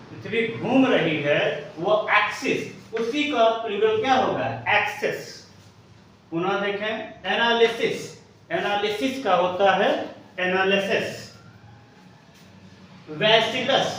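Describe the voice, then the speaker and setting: A male teacher explains grammar in a high, unhurried voice, stopping to spell out each word. He sounds set back from the microphone in a very echoey room with a faint hiss behind him. The effect is of a classroom lesson recorded from a distance. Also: fairly bright tone. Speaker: English teacher. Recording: echoey room, voice from away from the mic, faint noise.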